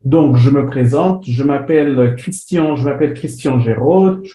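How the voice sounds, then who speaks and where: Presenting a webinar lecture, a Congolese man from DR Congo is hesitant, filling his speech with fillers and starting over frequently. His medium-pitched voice is mellow and unhurried, heard in a roomy recording with a little background noise.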